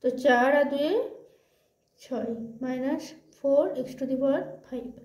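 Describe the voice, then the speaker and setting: High-voiced woman tutoring math, roomy. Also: fairly even intonation, extremely slow, darkish tone. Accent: Bengali. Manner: talks through each step, asking and answering her own questions. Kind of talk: informal math lesson. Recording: roomy echo.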